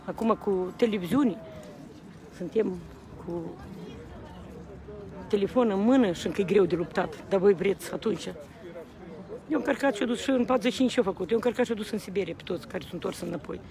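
At an outdoor rally, a woman with a warm, medium-pitched voice speaks passionately to a reporter, pausing often. She is agitated and keeps appealing to the crowd around her in this impassioned street interview, recorded outside with crowd noise all around.

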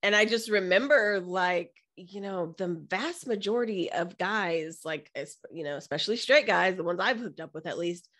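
A woman's voice: fairly low pitch, normal speed, few pauses, a bit bright. A woman co-hosting a podcast in casual chat, talking frankly and laughing often, with plenty of "you know" and "like" fillers. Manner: frank, giggly, heavy use of "you know" and "like". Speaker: podcast co-host.

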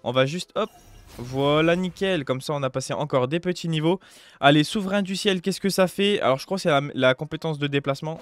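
A man's voice: a little high, fairly quick, soft background music. A young man giving casual, upbeat gameplay commentary, chatty and full of fillers, as a gaming youtuber at home on a close desk mic.

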